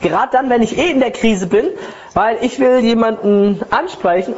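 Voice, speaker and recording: A woman's voice: on the high side, moderate pace, darkish tone, muffled recording. A woman giving a personal development talk, telling her own story conversationally with tag questions. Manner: conversational, tag questions, acts out inner voices. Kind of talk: lecture with personal anecdote.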